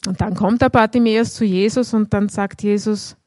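A woman gives a sermon in an easy, conversational way. She keeps checking in with her listeners with a soft "ja" and works through the passage one step at a time. Her voice is recorded close and dry, with no room sound. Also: medium pitch, fairly even intonation, normal speed, dry recording. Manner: conversational, frequent "ja" tags. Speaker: preacher. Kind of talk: sermon with Bible reading.

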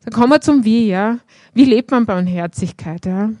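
A woman's voice: a little high, normal speed, warm tone, dry recording. A woman giving a conversational sermon, often adding a questioning "ja" as she explains a Bible passage. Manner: conversational, frequent "ja" tags. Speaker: preacher.

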